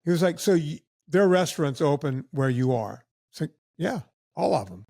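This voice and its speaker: A man tells stories on a podcast in a fairly high voice and acts out the people in them as he goes. The sound is dry and close, with no room echo. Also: moderate pace, vocal fry. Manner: animated anecdotes with acted-out quotes of other people. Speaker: podcast guest. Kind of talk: casual storytelling.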